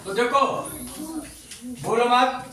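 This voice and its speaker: A man's voice: very high-pitched, extremely slow, distant mic, a crowd in the background. Male teacher quizzing a class, echoey. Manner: quizzes the class, repeats answers back. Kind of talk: classroom lesson.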